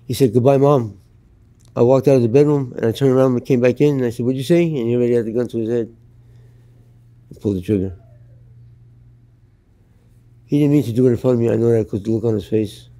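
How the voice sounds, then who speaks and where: A man's voice: mid-range voice, mellow. An older man from Canada telling his life story in an interview, blunt and plain-spoken. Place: outdoors in Los Angeles.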